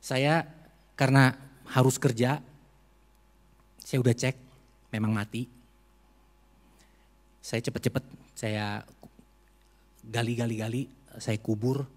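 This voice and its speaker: A man's voice: medium pitch, steady tone, takes it slowly, pauses often, long reverb tail. A male pastor preaching a heartfelt sermon in a church, telling a personal story to his congregation. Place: church sanctuary during a service.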